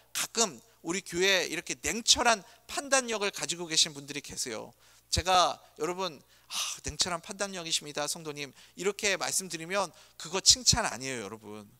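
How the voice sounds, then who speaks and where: A man's voice: high voice, bright, forceful tone. A male pastor preaching a sermon in a church, asking the congregation many rhetorical questions. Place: church sanctuary. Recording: church hall reverb.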